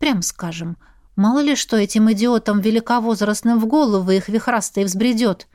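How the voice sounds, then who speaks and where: A woman's voice: on the high side, moderate pace, a little mellow, dry recording, clean studio sound. A woman reading a first-person audiobook with a wry, ironic manner. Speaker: audiobook narrator.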